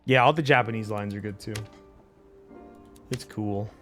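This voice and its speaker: A man doing casual live game commentary for his chat, profane and excitable in his talk. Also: lowish voice, moderate pace. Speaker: game streamer. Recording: game music behind voice.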